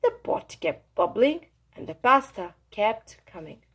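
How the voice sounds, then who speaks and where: A woman reading a children's story aloud in an expressive, dramatic style with emphatic phrasing. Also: mid-range voice, a little slow, breathy edge.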